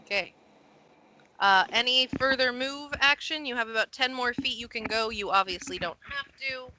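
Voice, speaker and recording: A woman narrating as game master of a tabletop game, animated and quick with asides. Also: a little high, noisy background.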